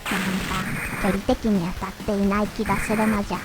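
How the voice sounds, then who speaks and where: A woman's voice: mid-range voice, level tone, fairly quick, poor audio. A woman giving scripted gameplay commentary as a playthrough host, phrasing things in the quaint manner of an elderly sage. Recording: loud game music behind voice. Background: loud video game music.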